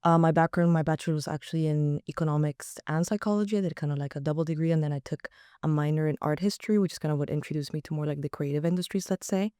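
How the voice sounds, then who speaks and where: A woman's voice: low voice, fairly even intonation, quick pace, dark tone, clear, resonant tone, dry recording, studio quality. A young woman answering interview questions casually, with lots of "like" fillers. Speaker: graduate guest.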